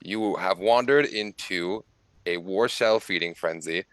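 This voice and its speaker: A man narrating as game master of a tabletop game, casual and halting, with many fillers. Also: low-pitched, fairly bright tone, clear, resonant tone, no room sound.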